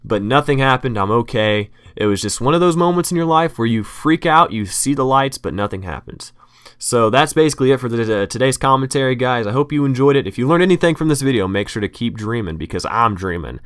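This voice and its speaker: A man's voice: mid-range voice, animated, fast talker, few pauses, a bit bright, clean tone, dry recording, clean studio sound. A young man vlogging, telling a story in casual, profane commentary and acting out his own panic.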